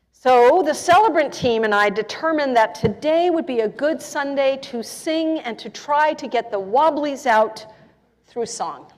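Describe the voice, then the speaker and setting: Woman minister in a reverberant church. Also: on the high side. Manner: warm, self-deprecating and conversational from the pulpit. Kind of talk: church service welcome address. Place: church sanctuary. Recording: long reverb of a church hall.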